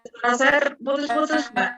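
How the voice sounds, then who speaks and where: A woman's voice: sits high, fairly even intonation, moderate pace, distant mic, music in the background. A woman trainer speaks politely and hesitantly while her voice cuts in and out over an online call. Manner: polite, hesitant, with many fillers. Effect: voice cutting in and out over an online call. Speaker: trainer at a community workshop. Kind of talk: formal opening remarks with Islamic greetings. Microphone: video call.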